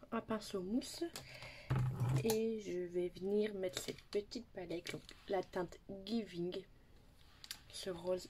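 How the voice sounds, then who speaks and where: A young woman casually talking through a makeup tutorial, chatty, sometimes dropping into soft asides and near-whispers. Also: medium pitch, a little hiss or hum. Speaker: beauty vlogger.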